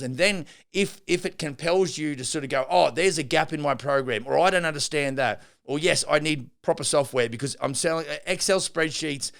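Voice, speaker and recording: A middle-aged man, a builder by trade, rambles through an off-the-cuff business podcast monologue, stumbling into restarts and fillers. His voice sits a little high, creaky and a bit bright, with a clean tone.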